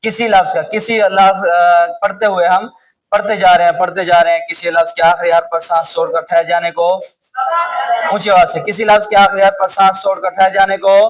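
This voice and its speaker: A man with a Pakistani Urdu accent teaching a class on reading the Quran. He slowly repeats words over and over, quizzes his students, and sometimes calls out loudly. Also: high voice, flat delivery. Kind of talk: classroom lesson on Quranic recitation rules. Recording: distant mic with clear background noise.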